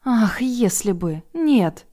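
A woman voicing an indignant, sharp-tongued middle-aged woman who talks loudly and sarcastically. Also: a little high, lively intonation, slow pace, voice pushed up. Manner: loud, exasperated and sarcastic.

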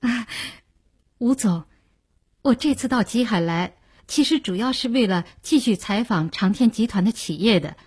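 A woman voicing an eager young journalist in an audiobook, polite and persistent, with a slightly breathy voice. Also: a little high, lively intonation, normal speed, a little mellow.

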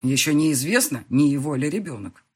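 A woman voicing a cold, jealous husband in an audiobook, curt and stern, in a husky tone. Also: a bass voice, big pitch swings, normal speed, a little mellow, voice pushed down, heavily acted. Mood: harsh, accusing.

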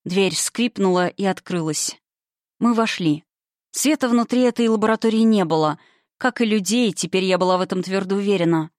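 A woman's voice: mid-range voice, normal speed, a little mellow, no room sound. Female audiobook narrator, suspenseful first-person read, dry.

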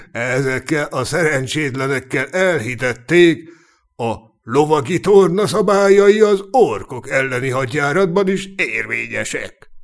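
A man voicing a cynical, sharp-tongued knight of peasant birth in a humorous fantasy audiobook, chuckling and mocking as he tells his tales. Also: on the high side, expressive. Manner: mocking, chuckling, earthy storyteller. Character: cynical boastful human knight, commoner-born, sharp-tongued. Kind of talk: audiobook character reading.

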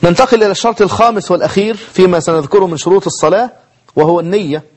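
A man's voice: high-pitched, very fast. A man with an Egyptian accent teaching a televised religious lesson, mixing classical and colloquial Arabic and asking and answering his own questions. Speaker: teacher of Islamic jurisprudence. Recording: broadcast studio recording.

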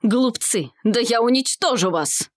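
A woman voicing a menacing, growling panther-like male dark mage in a storybook. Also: fairly high pitch, expressive, measured pace, dry recording, studio quality.

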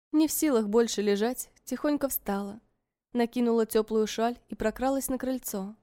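Smooth-voiced woman narrating a story. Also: fairly high pitch, mellow, dry recording, studio quality. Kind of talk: first-person story narration.

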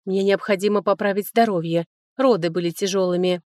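A woman reading an audiobook, voicing a calm, self-possessed duchess who is the older sister. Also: medium pitch, dry recording, clean studio sound, lightly acted. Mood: composed. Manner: cool, measured, softly condescending.

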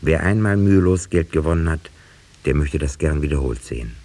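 With an expressive, dark bass voice and a brisk delivery, a man portrays the sceptical village schoolteacher narrating a 1950s radio play. His telling is wry, reflective and dryly ironic.

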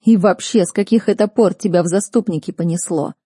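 A woman's voice: on the low side, a little fast, dark tone, breathy edge, dry recording, studio quality. A woman reading an audiobook, voicing a stern, furious male academy rector who barks and scolds. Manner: barking, scolding.

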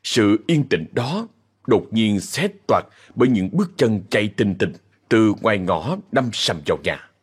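A man narrating a scripted horror story in slow, ominous storytelling. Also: lowish voice, sing-song, slightly rough. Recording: narration over faint music.

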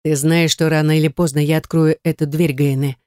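A woman's voice: sits low, flat delivery, fairly quick, a little mellow, dry recording, studio quality, close to an everyday voice. Woman voicing a stern, curt grown man. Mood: cold. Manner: clipped, curt, grim. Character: stern, cold grown man, older brother. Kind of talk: audiobook character voice.

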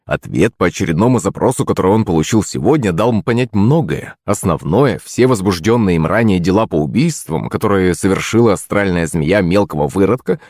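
A man reading a novel aloud as narrator with expressive storytelling. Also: low-pitched, no echo, studio quality. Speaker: audiobook narrator. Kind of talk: scripted narration.

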